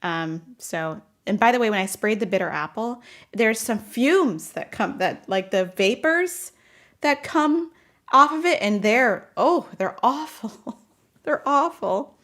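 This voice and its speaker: A woman's voice: medium pitch, animated, a little slow, a bit bright. A woman chatting loosely with her viewers from her home office, talking in a rambling way and laughing often. She answers comments as they come in. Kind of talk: casual live chat.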